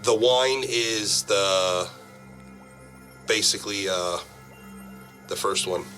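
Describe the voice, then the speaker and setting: A man's voice: lowish voice, takes it slowly, pushed and bright, faint music behind, poor audio. A man co-hosting a casual show, reading news aloud in a laid-back way and tripping over words. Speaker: podcast co-host reading news. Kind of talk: casual chat.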